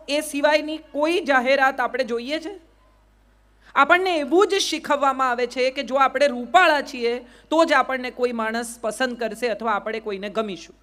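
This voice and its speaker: Brief: middle-aged Gujarati woman, high voice, motivational speaker, quizzes the crowd. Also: fairly bright tone. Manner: asks the crowd rhetorical questions, repeats "yes or no". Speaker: public speaker. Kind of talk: motivational speech to a live audience.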